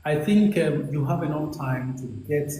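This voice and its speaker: A man with a Nigerian English accent hosting a live call-in investment coaching session, giving an encouraging, salesy pitch with frequent ums. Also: expressive, moderate pace, dark tone. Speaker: investment coach and livestream host. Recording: echoey room with faint hiss.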